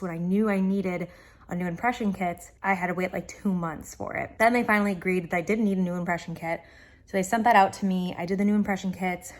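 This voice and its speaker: A woman vlogger chatting casually to viewers, with a slight lisp from wearing dental aligners like a retainer. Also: lowish voice.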